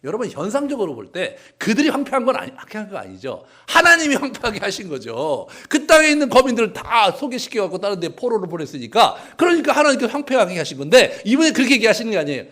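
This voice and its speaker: A man's voice: high-pitched, wildly swooping pitch, fast, hardly any pauses, fairly bright tone. A male pastor preaching a sermon in a conversational, humorous way, often acting out voices.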